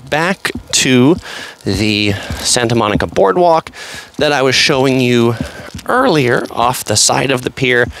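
Outdoors on an empty seaside pier, a man casually narrates a walking tour, chatty and rambling, full of fillers and asides. His voice is a little high with a fairly bright tone.

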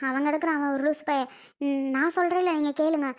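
A desperate, poor tenant woman, acted by a woman with a very high voice. She pleads and begs in a tearful way, holding onto every word of the plea. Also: steady tone, quick pace, natural voice. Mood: pleading. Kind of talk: village family skit.

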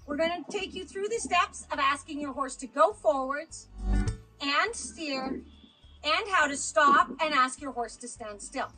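A woman riding instructor welcoming riders and walking them through each step in a friendly, clear way. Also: high voice, expressive, a little slow, rough recording. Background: background music.

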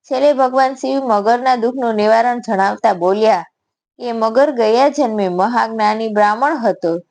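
A woman with a Gujarati accent narrating a devotional fasting story in a steady reading voice, voicing the story's animals in short quoted lines. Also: on the high side.

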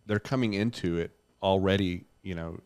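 A man's voice: low voice, normal speed, darkish tone, smooth, no room sound. A middle-aged man, a doctor and co-host, explaining health topics casually in a podcast chat, thinking aloud with fillers.

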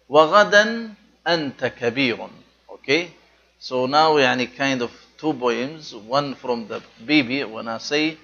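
A man teaching an Arabic class online, switching between Arabic and English and repeating each word slowly for his students to say after him. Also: medium pitch, gravelly, pushed and bright, lo-fi sound.

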